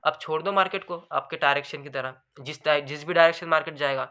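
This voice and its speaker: A man explaining trading charts in a rapid, nonstop lesson, says his throat goes dry, calls viewers brother. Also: on the high side, pushed and bright. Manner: fast, talks continuously without pause; addresses viewers as bhai sahab. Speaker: trading educator. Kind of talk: screen-share chart lesson.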